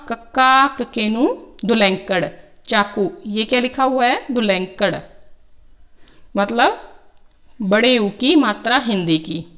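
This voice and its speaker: A woman's voice: on the high side, a bit bright. A woman teaching a language lesson, reading word lists aloud letter by letter and explaining what each word means.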